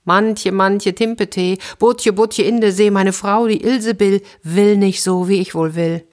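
A woman's voice: low-pitched, a little slow. A woman voicing a poor, meek fisherman in a fairy tale, worried and reluctant, chanting his rhyme in a sing-song. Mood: sing-song calling.

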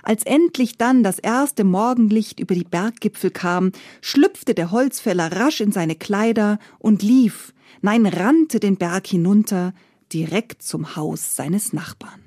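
Expressive woman telling a fairy tale. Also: mid-range voice, slow pace, no echo, studio quality. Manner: expressive, trailing off into whispers. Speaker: storyteller.

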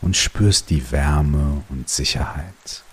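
A man narrating a guided relaxation sleep story in a calm, soothing way, with long pauses between short phrases. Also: rumbling low. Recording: steady rain noise behind the voice. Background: rain.

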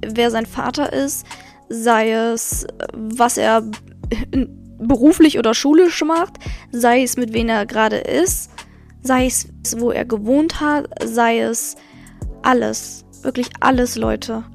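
A woman's voice: fairly high pitch, takes it slowly, creaky, faint music behind. A young woman hosting a podcast, candidly telling a personal story and giving blunt advice straight to her listeners. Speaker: podcast host.

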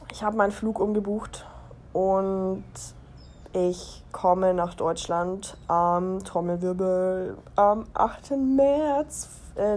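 A young adult German woman, her voice medium in pitch and slightly mellow, hosts a casual podcast on her own. The monologue is chatty and giggly, meandering, with frequent self-interruptions.

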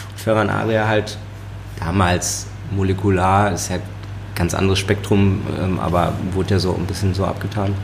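A chef and sommelier, a man with a Ruhr-area German accent, telling stories in a relaxed podcast conversation, often laughing and using many fillers. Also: deep voice, a little hiss or hum. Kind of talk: casual podcast interview.

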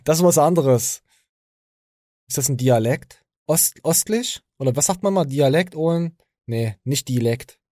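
A man's voice: on the high side, measured pace, warm tone, no echo, clean studio sound. Crude, ranting East German man. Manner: crude, mocking rants. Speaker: podcast host. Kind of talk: casual podcast chat.

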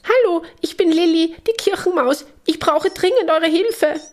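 A squeaky, urgent little church mouse. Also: female voice, normal speed. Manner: urgent, breathless chatter. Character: excited tiny female church mouse.

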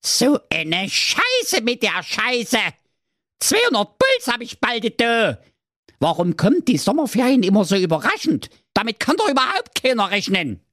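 A man's voice: very high voice, wildly swooping pitch, a little slow, fairly bright tone, dry recording, studio quality, pitched above the performer's own voice, exaggerated voice. A man with a Saxon accent voicing a grumpy, fed-up mother goat who nags and rants. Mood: ranting. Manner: nagging, ranting.

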